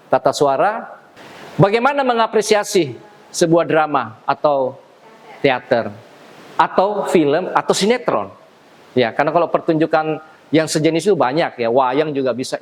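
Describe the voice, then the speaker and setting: Man, lively theater lecturer, slightly high voice, echoing hall. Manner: lively, acts out stage lines, laughs often. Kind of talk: classroom lecture. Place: lecture room. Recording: long hall reverb.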